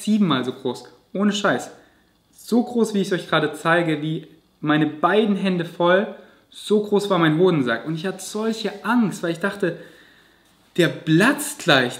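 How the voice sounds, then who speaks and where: A man's voice: fairly high pitch, a bit bright. Emotional man telling his story, roomy echo. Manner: emotional, vivid retelling with casual swearing. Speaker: vlogger. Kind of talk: personal storytelling to camera.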